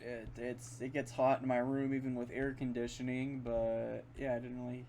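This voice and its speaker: A gaming video host rambles through casual, unscripted commentary in his room, thinking aloud as he plays. His medium-pitched voice is dark and level at a moderate pace. A fan runs behind him, along with keyboard and mouse clicks.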